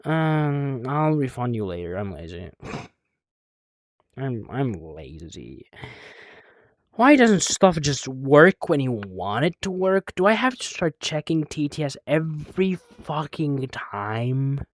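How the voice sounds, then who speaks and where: A man's voice: on the high side, big pitch swings, a little slow, few pauses, no echo, studio quality. A man streaming a game live, rambling casually, swearing a lot and making playfully dramatic, mock-whiny complaints.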